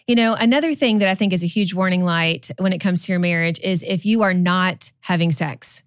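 A woman's voice: fairly low pitch, a little fast, clean tone, no echo, studio quality. A woman co-hosting a podcast on marriage, chatting casually and giving affirming, faith-based encouragement. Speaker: podcast co-host.

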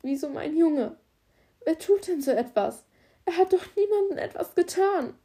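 Woman doing distraught grieving mother, tearful, pleading, high strained voice, mellow tone, audiobook. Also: brisk, gravelly. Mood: anguished.

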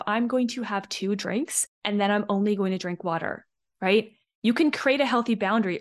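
Chatty woman coaching on a podcast. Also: medium pitch. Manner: animated, chatty, acts out little quoted lines. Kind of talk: solo podcast talk.

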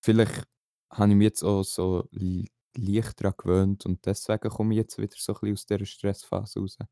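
A man's voice: on the low side, flat delivery, normal speed, dark tone, no echo, clean studio sound. A young man, chatting casually as a podcast co-host. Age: late teens.

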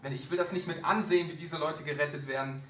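A man's voice: on the high side, steady tone, fast, pushed and bright. A man voicing a proud, angry male prophet who speaks in bitter, indignant outbursts. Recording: roomy echo, distant mic.

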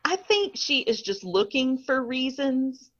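A woman's voice: high-pitched, sing-song, a little slow, a bit bright, dull audio. A woman co-hosting a casual chat, laughing often and poking fun at herself. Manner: chatty, laughs often, self-deprecating. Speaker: podcast co-host.

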